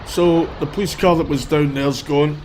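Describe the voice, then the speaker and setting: Out on a city street with his phone in hand, a man livestreams blunt, rambling commentary while sniffling a bit from a cold. His pitch is a little high, his intonation fairly even, and his pace normal. The recording is rough, with loud traffic and vehicles behind him.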